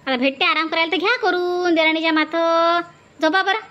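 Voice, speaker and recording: The recording is muffled, and the woman's voice is very high-pitched, brisk and a bit bright. Acting in a comedy skit as a bossy village woman, she keeps coaxing and scolding her sister-in-law, pressing her urgings repeatedly.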